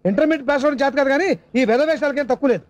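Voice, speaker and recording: An actor playing a sharp-tongued old grandfather who scolds a useless grandson in a comedy film. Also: very high-pitched, rapid-fire, muffled recording. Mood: scolding. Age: older. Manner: scolding, mocking.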